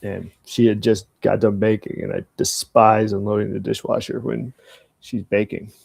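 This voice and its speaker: Older guy rambling on a podcast, gravelly husky voice, swears a lot. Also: lowish voice, flat delivery, normal speed, darkish tone, no echo. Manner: rambling, swears freely, acts out both sides of a story. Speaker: podcast co-host. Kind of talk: casual chat.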